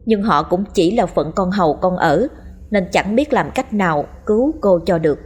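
A woman's voice: fairly low pitch, expressive, moderate pace, darkish tone, slightly rough. A woman narrating a horror story in a dramatic storytelling manner.

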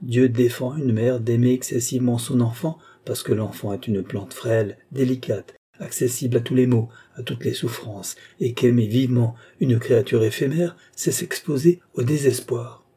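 A man voicing a grave older doctor in an audiobook, explaining in a measured, lecturing way. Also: mid-range voice, dark tone, breathy edge. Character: grave older male doctor, a reasoning philosopher.

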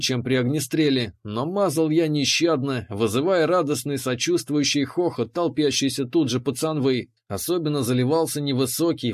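Guy reading an audiobook first person, dry and ironic, slightly higher voice. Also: a little mellow. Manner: measured, dryly ironic storytelling. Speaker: narrator.

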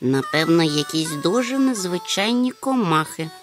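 A woman's voice: lowish voice, expressive, over music, natural voice. Woman doing a fussy, pompous storybook collector creature. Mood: muttering. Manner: mumbling, pompous, slow. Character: slow-witted fussy male insect collector creature.

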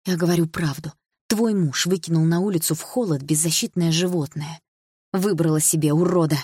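A woman voicing a bitter, defiant teenage girl who shouts in anger. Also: sits low, a little fast, slight background noise, lightly acted. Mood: accusing.

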